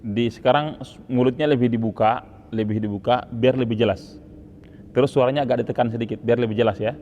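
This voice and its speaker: A man's voice: medium pitch, steady tone, fairly quick, warm tone, lo-fi sound. A man coaching students on Quran recitation, correcting their pronunciation and demonstrating sounds over and over, with a teasing edge. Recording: hall reverb, faint ambient noise.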